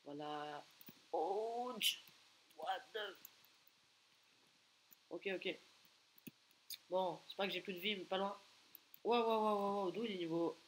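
A man rattles off live gameplay commentary at his computer, excitable and loud in bursts. He taunts the players around him and lets off strings of repeated exclamations. The line carries a faint hiss underneath. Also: high-pitched, slow, long pauses, poor audio. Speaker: gaming video creator.

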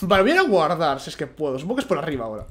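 A man from with a cold commentating a video game at a home microphone, half-shouting and rambling. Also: fairly high pitch, big pitch swings, rapid-fire. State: has a cold. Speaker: gamer. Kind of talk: let's play commentary.

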